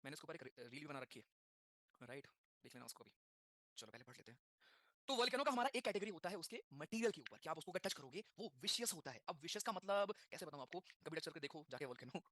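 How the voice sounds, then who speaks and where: A man teaching a class, talking in a quick mix of Hindi and English, repeating key terms and asking the students questions. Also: a little high, expressive, a bit bright, no echo, clean studio sound. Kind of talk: classroom lecture.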